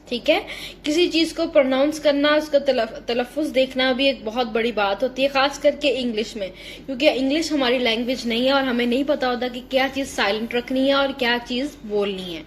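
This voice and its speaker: Woman teacher, high voice. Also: a little hiss or hum. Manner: slow careful reading of English, fillers while explaining. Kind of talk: explaining an English textbook lesson.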